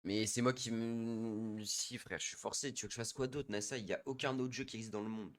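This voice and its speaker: A man's voice: lowish voice, fairly even intonation, fairly quick, no room sound. A young man streaming a shooter game, grumbling in casual slangy chat to himself and his teammates.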